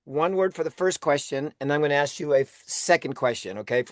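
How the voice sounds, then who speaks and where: A man's voice: on the high side, a little fast, no room sound, clean studio sound. A man hosting a motivational team call, enthusiastic and often laughing, restarting his words as he goes. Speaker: host of a weekly team call.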